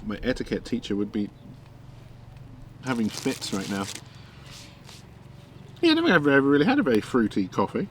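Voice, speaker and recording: A man's voice: medium pitch, huge pitch swings, moderate pace, long pauses, a little hiss or hum. A man streaming live while cooking outdoors, chatting casually with fillers and frequent laughs. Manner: rambling, chatty, many fillers, laughs often. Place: outdoors in a garden.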